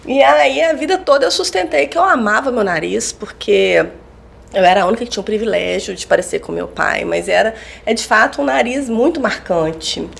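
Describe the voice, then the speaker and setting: Woman in her 40s, pretty gravelly, kinda high voice, chatty podcast storytelling, does the voices of people in her story. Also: a little fast. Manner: candid storytelling, acts out quoted dialogue. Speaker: psychologist and lecturer. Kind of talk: casual podcast chat.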